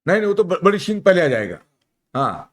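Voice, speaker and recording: A male Arabic teacher leading a classroom lesson, spelling out letters slowly and keeping students engaged with frequent check-in questions. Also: high-pitched, big pitch swings, a bit bright. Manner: quizzes students, keeps asking "isn't it?". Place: classroom at an Islamic school.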